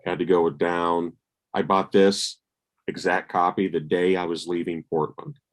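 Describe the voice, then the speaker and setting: A man's voice: sits low, flat delivery, a little slow. A man co-hosting a casual music podcast, telling rambling anecdotes and swearing casually. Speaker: podcast co-host. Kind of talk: casual chat.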